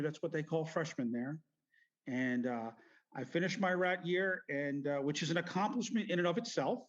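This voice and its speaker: A middle-aged veteran with a somewhat high-set voice rambles through his recollections in an interview, halting, meandering and correcting himself as he goes. The audio is dull, muffled and lo-fi.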